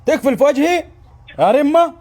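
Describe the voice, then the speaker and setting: A man with a Saudi Arabic accent in a prank chat, talking much too loudly and repeating short phrases. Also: very high-pitched, lively intonation, fairly quick, a little hiss or hum.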